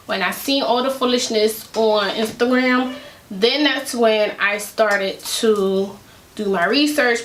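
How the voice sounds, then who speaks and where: A woman with a high, fairly bright voice talks to the camera from her home, sharing opinions casually and drifting into rambling asides. The room has an echo.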